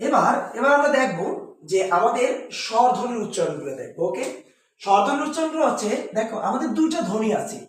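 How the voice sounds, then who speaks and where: A man's voice: very high-pitched, sing-song, fast. Male teacher in a very echoey room. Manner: step-by-step, asks rhetorical questions and answers them. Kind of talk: explaining pronunciation rules to students. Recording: very echoey room with faint noise.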